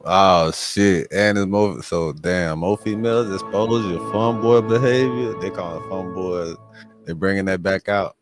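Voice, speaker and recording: A man's voice: sits low, steady tone, unhurried, faint music behind. A man hosting a casual streamed chat, joking in loose, profane banter. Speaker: host.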